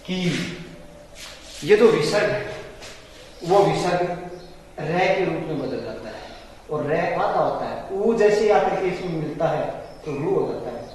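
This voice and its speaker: A man's voice: on the high side, darkish tone, far from the mic, a little hiss or hum. Man teaching grammar in an echoey room. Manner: explanatory, repeats terms slowly for students. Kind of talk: classroom-style lecture.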